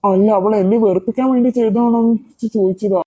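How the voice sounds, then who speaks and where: A man's voice: high-pitched, fairly even intonation, fast, warm tone. Man voicing a self-important school leader boy. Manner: assertive, demanding. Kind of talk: cartoon voice acting.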